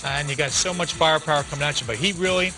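A man in his forties giving post-game hockey analysis in a TV studio, talking fast with restarts, on a lapel mic. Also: a little high, over music. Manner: fast, animated talk with restarts, gesturing with hands. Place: TV studio set.

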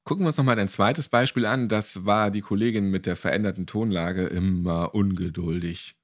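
Low-voiced male podcast host, dry humor. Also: moderate pace. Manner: thoughtful, raises critical points with dry humor. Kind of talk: podcast interview.

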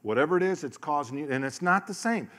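A middle-aged man, a pastor, preaching a sermon into a handheld microphone on a large church stage, telling stories and acting out voices, dropping to a hush and then rising loud. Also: a little high, lively intonation, fast. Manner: storytelling, acts out voices, shifts from hushed to loud. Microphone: handheld mic.

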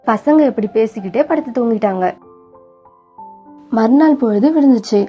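Female storybook narrator, sorrowful and steady, dull lo-fi sound. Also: on the high side, moderate pace. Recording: dull lo-fi with faint music.

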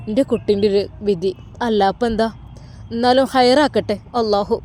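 A woman's voice: fairly high pitch, moderate pace, a little mellow, lightly acted. A woman voicing a pious tearful mother. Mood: grieving. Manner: prayerful, emotional.

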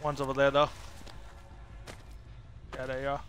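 Streaming a horror game whose sound effects and ambience are clearly audible, a man with a mid-range voice comments casually in a monotone at a moderate pace. Now and then he mutters mildly frustrated asides to himself.

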